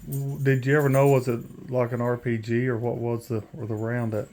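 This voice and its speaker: A man's voice: medium pitch, little pitch movement, brisk, a little mellow. A man in a casual chat, listening and asking questions.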